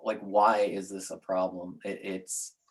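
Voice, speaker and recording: Low-voiced man, halting casual chat. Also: little pitch movement. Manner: halting, searching for words. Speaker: podcast co-host.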